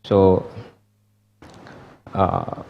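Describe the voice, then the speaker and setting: A man with a Sri Lankan accent giving a conference presentation as an architect, with halting, loosely worded delivery. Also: narrow, tinny audio. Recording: echoey hall with long reverb.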